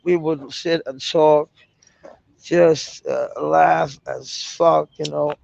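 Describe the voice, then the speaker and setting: A Danish man with a gravelly, raised voice rambles through a casual livestream chat, drawling his words slowly. He swears freely and laughs often, and the recording sounds dull and lo-fi. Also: fairly high pitch, fairly even intonation, darkish tone, slight background noise. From Denmark.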